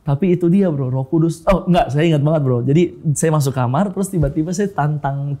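Speaking a little fast in a slightly high, dark voice, this thirty-something guest from Makassar, Indonesia, relates his personal testimony informally. He keeps addressing the host as "bro" and mixes English phrases into his speech.

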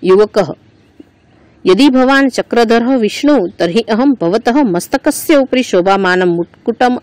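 A woman's voice: a little high, darkish tone, no room sound, low-quality recording. Woman teacher explaining a text line by line. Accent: Gujarati. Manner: reads a line aloud, then explains it word by word. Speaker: school teacher. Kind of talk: Sanskrit lesson explained line by line.

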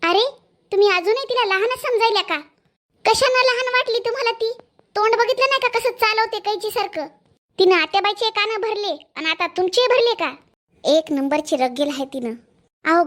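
A spoiled, boastful younger sister from a cartoon family drama, acted by a woman. She talks with a sharp, scornful tongue. The voice is very high.

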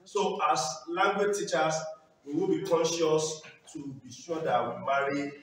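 A man's voice: fairly high pitch, steady tone, measured pace, fairly bright tone, slight background noise. A man with a Nigerian accent giving a university workshop lecture, explaining with jokes and acted-out examples. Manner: explanatory, jokey, acts out examples. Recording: echoey hall, distant mic.

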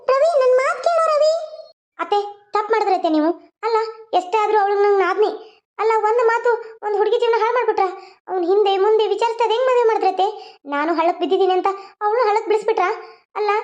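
A woman's voice: very high voice, a little mellow. A woman voicing an indignant young daughter-in-law in a cartoon, scolding. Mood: reproachful. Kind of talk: cartoon voice acting.

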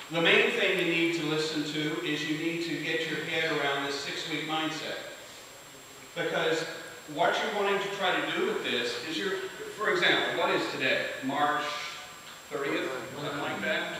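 Bright, echoey man lecturing from far off. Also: a little high, moderate pace. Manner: energetic, asks the audience questions. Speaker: beekeeping instructor. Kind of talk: classroom lecture. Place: meeting room with an audience. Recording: echoey hall from far off, hiss.

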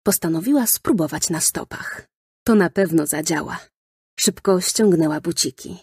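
A woman narrating a children's storybook in a lively storytelling manner, recorded close in a studio. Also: fairly low pitch, normal speed, slightly rough, no echo. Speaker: audiobook narrator.

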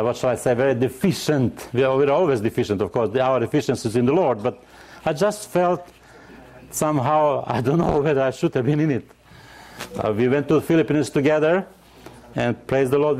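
An older man from Yugoslavia preaches a sermon in a medium-pitched, slightly mellow voice. He is earnest, pausing to search for words and raising his voice for scripture.

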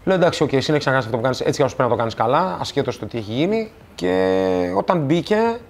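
A man from Greece, a tattoo artist, telling stories in a casual interview and acting out the dialogue. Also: a little hiss or hum. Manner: animated, acts out dialogue, rises in pitch when quoting.

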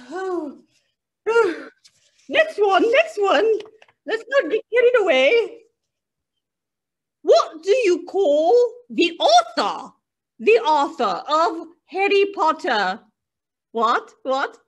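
A woman's voice: very high-pitched, sing-song, extremely slow, pauses often, a bit bright, exaggerated voice. An actor playing a frail, flustered older English woman stand-up comic with an English accent, who quavers, sounds breathless and keeps giggling at her own jokes. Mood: dithering. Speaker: stand-up comedian. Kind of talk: comedy sketch character.

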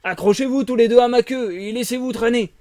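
A man voicing a big, sturdy, kind-hearted tuna in a loud, hearty voice. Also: extremely high pitch, brisk, dry recording, clean studio sound, pitched above the performer's own voice. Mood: fort, généreux. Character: gros thon robuste et bienveillant.

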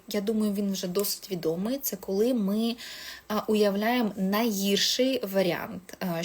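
A woman English teacher giving casual advice on speaking a foreign language, chatty, with many hesitations and self-corrections. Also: mid-range voice.

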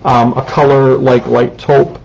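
Close to a desk microphone in a studio with a running fan, a ceramics instructor chats and explains through his live-streamed lesson, saying um a lot. His voice is medium-pitched, a little slow, creaky and darkish, with little pitch movement, on a muffled recording.

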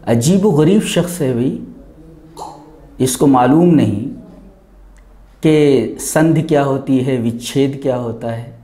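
A male Islamic scholar giving an explanatory lecture, methodically breaking words into sounds step by step and chanting grammar rules slowly. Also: medium pitch, warm tone.

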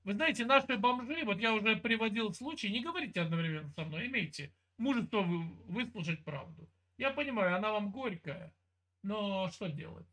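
A man's voice: high-pitched, animated, brisk, bright, forceful tone. Lecturing man on a video call. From Siberia, Russia. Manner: lecturing, insistent, talks over the other. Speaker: chat roulette streamer. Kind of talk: heated video chat argument. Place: indoor room at home. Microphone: webcam video call.

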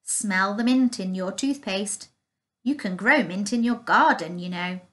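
A woman voicing a cheerful, caring mother with a lilting, bright manner as she reads a picture book aloud. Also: medium pitch, a little slow, natural voice.

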